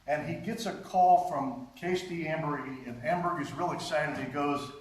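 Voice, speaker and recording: A man giving an anecdotal, chuckling talk with slides at a live conference, recorded from a distance in a very echoey hall. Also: on the high side. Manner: anecdotal, chuckles often, halting restarts. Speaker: guest speaker, former radio and TV writer. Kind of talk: storytelling lecture with slides. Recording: very echoey hall, distant mic, faint hiss.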